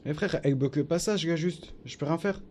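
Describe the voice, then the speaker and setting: A young man streaming a horror game, talking casually to his viewers in slangy bursts that swing from low muttering to excited yelps. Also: fairly quick, slight background noise. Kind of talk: casual live-stream gameplay commentary.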